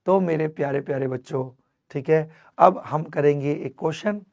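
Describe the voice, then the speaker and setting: Man teaching with a strained, hoarse voice. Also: fairly high pitch, normal speed, darkish tone. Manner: affectionate, calls students "my child", mixes English terms. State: losing his voice, strained throat. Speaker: online chemistry teacher. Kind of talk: energetic online class lecture.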